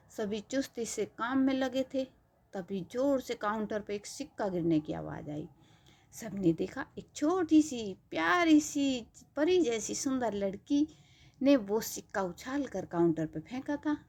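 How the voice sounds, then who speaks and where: A woman narrating a devotional story in a gentle, emotive manner. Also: a little high. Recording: dull lo-fi recording.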